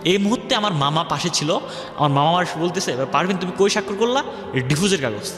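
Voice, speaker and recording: A young man recounts his life on the radio in a rambling way, performing other people's lines in a highish, animated voice at a quick clip. Background music sits under an echoey, hall-style reverb.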